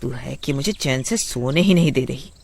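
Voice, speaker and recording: A man voicing a cruel, bossy witch daughter-in-law in a cartoon story, shouting threats and orders. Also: medium pitch, measured pace, dry recording. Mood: scolding, menacing. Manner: loud, scolding, threatening.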